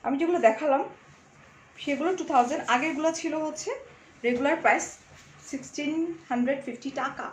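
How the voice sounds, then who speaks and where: A woman, chatting casually on a live stream and selling clothes, slipping English into her talk, her voice going a little hoarse. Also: high voice, fast. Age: 20s. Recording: echoey room, faint background noise.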